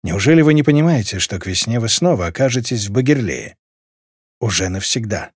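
A man's voice: on the low side, lively intonation, a little fast, breathy edge, dry recording, studio quality. A man doing a disdainful lounging marquis. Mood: contemptuous. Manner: casual, contemptuous. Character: disdainful aristocratic male marquis.

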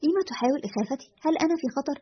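A woman's voice: high-pitched, very fast, slight background noise, voice pushed up, close to an everyday voice. A woman voicing a frightened young woman caller to a radio show, with an anxious, pleading manner. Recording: dull lo-fi recording.

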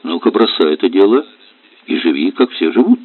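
A man voicing a stern, calm village policeman with a firm voice, reading an audiobook. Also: sits low, brisk. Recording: dull lo-fi recording.

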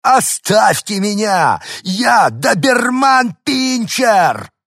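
A tiny pampered male dog yelps at the top of his register, stubborn and eager to be taken along. The voice leaps about wildly with a breathy rasp. It sounds dry and close, as in a storybook audio reading. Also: big pitch swings, very slow, no room sound, heavily acted. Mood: shrill eager. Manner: shrill, shouting.

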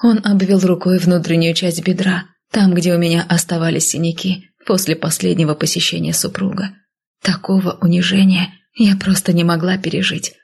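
Husky, gravelly woman narrating an audiobook. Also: fairly low pitch, darkish tone. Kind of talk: first-person audiobook narration.

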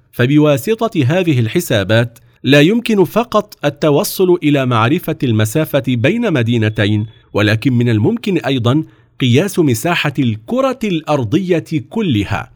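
A man playing a young scholar, calm, polite, patient explanation, lively pitch, dry recording. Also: fairly quick, dry recording. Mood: explaining. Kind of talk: storybook reading.

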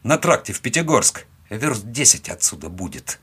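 A man's voice: lowish voice, big pitch swings, moderate pace, a bit bright, breathy edge, exaggerated voice. A man voicing a ruthless young man who gives curt, clipped commands. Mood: cold.

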